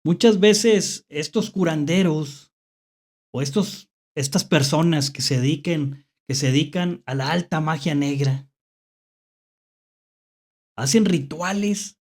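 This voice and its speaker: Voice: medium pitch, takes it slowly, darkish tone. A horror story host with a Mexican accent, telling spooky tales unscripted, hesitantly repeating phrases and checking in with rhetorical questions.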